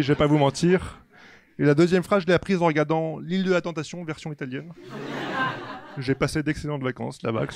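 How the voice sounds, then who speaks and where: A man doing a relaxed stand-up routine on a comedy club stage, chatting with the audience. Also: on the high side.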